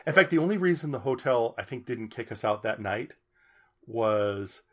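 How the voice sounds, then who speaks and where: A man's voice: mid-range voice, lively intonation, normal speed. A man chatting casually on a podcast, telling a story in a rambling way with many restarts and amused asides.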